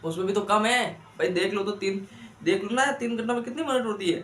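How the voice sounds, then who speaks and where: A man's voice: high voice, a little fast, fairly bright tone, echoey room, a little hiss or hum. A man giving students exam study advice, asking rhetorical questions and coaxing them. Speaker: exam coach.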